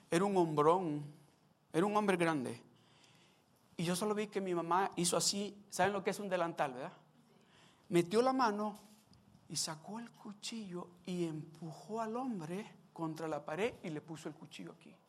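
A male preacher giving a sermon, telling a story and acting out its scenes in an animated way. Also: high-pitched, moderate pace.

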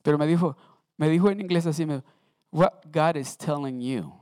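Guy preaching sunday service, chatty, keeps asking the crowd stuff, kinda high voice. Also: brisk, a little mellow, no echo, studio quality. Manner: conversational, sprinkles English words, asks the congregation questions. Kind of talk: Sunday sermon. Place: church.

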